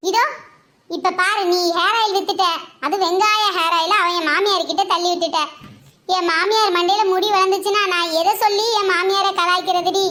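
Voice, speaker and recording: A woman playing quarrelling village women, a mother-in-law and a daughter-in-law, in a scripted comedy skit, with teasing, quick-tongued banter. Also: extremely high pitch, fairly even intonation, sharp tone. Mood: quarrelsome.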